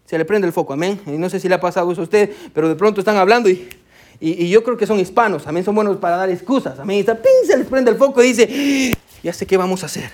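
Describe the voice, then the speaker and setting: Animated preacher full of amén. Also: medium pitch, fast talker. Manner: animated, tells the story with acted voices and humor; keeps checking in with the congregation, frequent amén. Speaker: pastor. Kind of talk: sermon.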